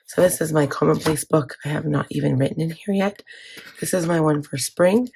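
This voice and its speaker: A planner vlogger with a scratchy, low-pitched voice chats casually to her channel, speaking fairly quickly with vocal fry and a darkish tone. She fills her talk with fillers and keeps restarting and correcting herself.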